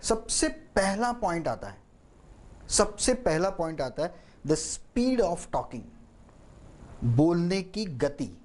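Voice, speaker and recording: A man teaches public speaking. He talks in a slow, deliberate way, pausing often to let points land. His voice sits fairly high and swings up and down a great deal. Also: sing-song, darkish tone. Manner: slow, deliberate delivery with long pauses and demonstrations. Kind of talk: spoken lesson.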